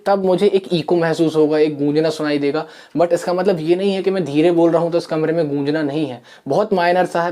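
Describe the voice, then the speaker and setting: Guy teaching science quietly, lots of uh and repeating himself, small room. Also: a little high. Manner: explains step by step with many fillers and repeats; soft-spoken. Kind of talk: classroom lesson. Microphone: camera mic.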